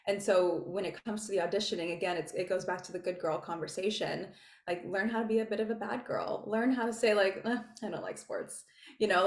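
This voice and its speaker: A woman dating coach talking in a casual interview, animated, laughing often and acting out what her clients say. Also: medium pitch, echoey room.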